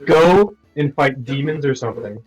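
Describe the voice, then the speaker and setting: A man's voice: medium pitch, expressive, moderate pace, soft background music, low-quality recording. A man playing a tabletop game over push-to-talk voice chat, his audio choppy and cutting in and out, speaking in hesitant, trailing phrases.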